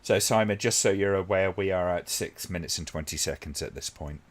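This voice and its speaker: This low-voiced man hosts a casual watch-along live stream, speaking fairly quickly. He talks to his chat in a relaxed, rambling way, with plenty of ums.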